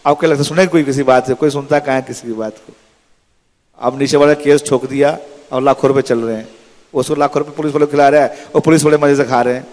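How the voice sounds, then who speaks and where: A man's voice: medium pitch, fairly even intonation, quick pace, darkish tone. A man giving a sermon in a temple hall, telling stories with acted-out dialogue. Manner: dramatic storytelling with acted-out dialogue. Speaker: preacher.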